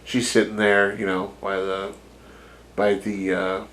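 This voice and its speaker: Podcast co-host, male, lowish voice, loose rambling delivery with laughs. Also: monotone, measured pace, a bit bright, rough recording. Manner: rambling, filler-heavy retelling; laughs while talking, jokey impressions. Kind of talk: casual chat.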